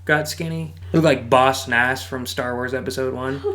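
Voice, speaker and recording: A man's voice: medium pitch, fairly even intonation, very noisy. A man hosting a show, reading online posts aloud and joking about them, often laughing between lines. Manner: jokey, laughs often, quick asides. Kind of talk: casual read-aloud with commentary.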